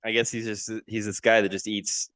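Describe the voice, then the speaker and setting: A man's voice: on the low side, little pitch movement, moderate pace, fairly bright tone, no room sound. A man co-hosting a casual podcast, telling rambling stories with wry sarcasm. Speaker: podcast co-host. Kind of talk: casual chat.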